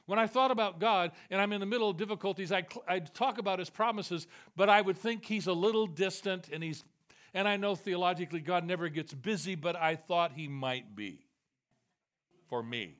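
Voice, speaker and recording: A male preacher giving a sermon to a congregation, animated and self-deprecating, switching between loud emphatic bursts and quiet confessional asides. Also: high-pitched, brisk. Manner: animated and self-deprecating, quoting God and Jesus in a raised voice. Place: church, before a live congregation.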